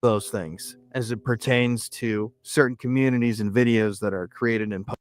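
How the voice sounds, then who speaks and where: A man's voice: on the low side, steady tone, normal speed. A man, a video creator, speaking earnestly to explain his view. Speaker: YouTube creator.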